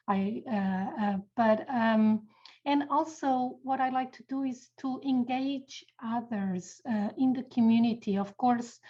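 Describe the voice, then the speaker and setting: A woman's voice: fairly high pitch, dark tone, dull audio. A woman in her fifties from Portugal, speaking thoughtfully and unhurriedly as a chemistry professor on a panel. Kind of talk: panel discussion.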